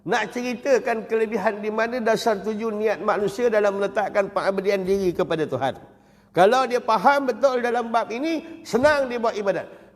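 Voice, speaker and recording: High-voiced Malaysian preacher in a reverberant mosque. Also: male voice. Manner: lively storytelling, acting out quoted voices. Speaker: religious teacher. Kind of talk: humorous mosque lecture. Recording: long reverb of a mosque hall.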